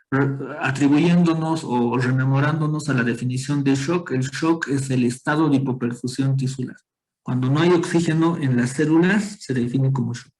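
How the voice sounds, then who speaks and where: A man's voice: medium pitch, a little mellow, low-quality recording. A man teaching a medical class online, explaining step by step and calling on students with questions. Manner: explanatory, quizzes students, frequent tag questions. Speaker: medical lecturer.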